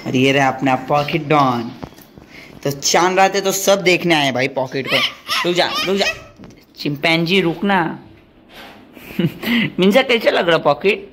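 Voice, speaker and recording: A man, vlogging casually to his viewers in an excitable, chatty way with frequent laughter. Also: on the high side, measured pace, long pauses, a little hiss or hum. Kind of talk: casual vlog narration to viewers.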